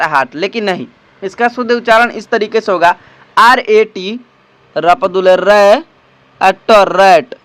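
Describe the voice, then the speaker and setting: High, clear-voiced man teaching spelling. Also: a bit bright, dry recording. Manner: slow and patient, spells words out letter by letter; repeats himself and asks the viewers questions. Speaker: English teacher. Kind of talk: spelling and pronunciation lesson. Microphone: phone recorder.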